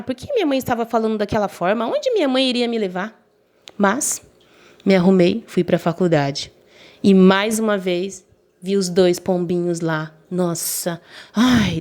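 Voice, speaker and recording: A young woman telling a personal story in the first person, emotional and expressive, briefly voicing the other people in it. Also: medium pitch. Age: young adult. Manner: emotional, voices quoted friends and mother lightly.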